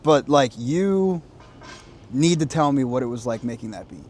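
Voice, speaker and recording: A man's voice: mid-range voice, lively intonation, moderate pace, a little mellow. Laid-back young male interviewer. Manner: laid-back, slangy, enthusiastic. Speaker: interviewer, host. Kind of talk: casual interview chat.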